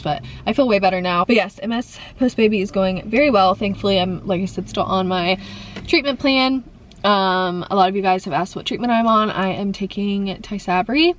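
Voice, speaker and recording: A woman's voice: medium pitch, a little hiss or hum. A young woman vlogger talking through viewer questions in a chatty, rambling way, a little congested. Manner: rambling, fills with "like" and "um". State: slightly congested. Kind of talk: chatty Q&A vlog.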